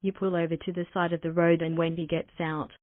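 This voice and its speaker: Flat, tinny text-to-speech female narrator. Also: medium pitch, a little fast, dry recording. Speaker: narrator of the game's generated story. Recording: thin, phone-like dry synthetic audio.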